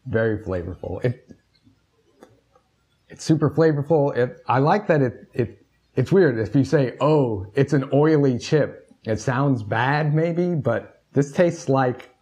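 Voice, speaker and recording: A man's voice: medium pitch, lively intonation, a little slow, darkish tone, highs cut off. A middle-aged man in casual food-review chat, jokey and opinionated as a co-host. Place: small indoor room at a table. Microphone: lapel mic.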